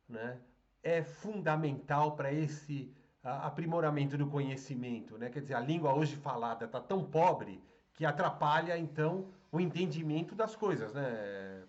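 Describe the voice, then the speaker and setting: A man hosting an interview, asking slow and reflective questions. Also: medium pitch. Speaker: interviewer host. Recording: dull lo-fi audio.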